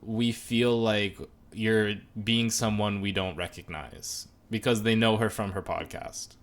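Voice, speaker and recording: A man's voice: fairly low pitch, unhurried. A man co-hosting a podcast, chatting casually and rambling through jokes and opinions. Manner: joking, rambling, animated asides. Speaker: podcast co-host reviewing a TV show. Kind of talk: casual chat.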